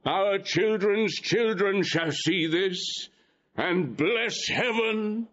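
Playing an archbishop in a Shakespearean audio drama, a male actor uses a high, fairly bright, exaggerated voice, with the highs cut off. Slow and solemn, exalted in mood, he prophesies blessings in a declamatory, reverent, oratorical style.

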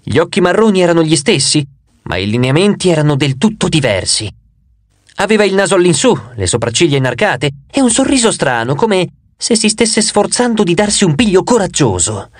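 A man narrating an audiobook in the first person, expressive with a wry touch. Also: high-pitched, fairly quick, dry recording, studio quality.

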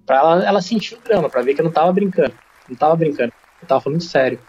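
Fast-talking, slangy man telling a story. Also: fairly high pitch, slightly rough, highs cut off. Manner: slangy, rapid, animated retelling. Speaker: podcast guest. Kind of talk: casual storytelling.

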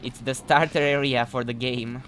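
A man's voice: medium pitch, steady tone, moderate pace, a bit bright. Chatty young man narrating his gameplay, noisy mic. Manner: chatty, self-mocking, reads in-game notes aloud. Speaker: gameplay commentator. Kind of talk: let's play commentary.

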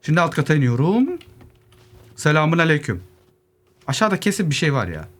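A young Turkish gaming YouTuber provides casual solo commentary on his gameplay in a voice on the high side, speaking briskly. Lively throughout, he tosses jokes at zombies and mutters while looting. Keyboard clicks and faint noise can be heard behind him.

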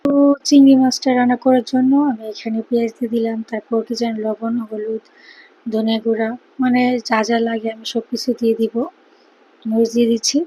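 A tired mother with a Bangladeshi Bengali accent speaks in a hushed cooking vlog voice-over, keeping quiet so she won't wake her sleeping child. Her voice sits fairly high but sounds husky and dark. She talks in a flat, even line with little rise and fall. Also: fairly quick, dull audio. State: tired after a sleepless night.

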